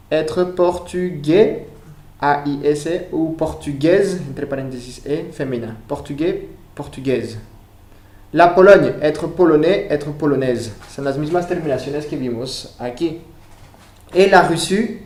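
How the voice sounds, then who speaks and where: French man teaching French slowly. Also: fairly high pitch, echoey room. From France. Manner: switches between French and Spanish, spells words out slowly. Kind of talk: language lesson.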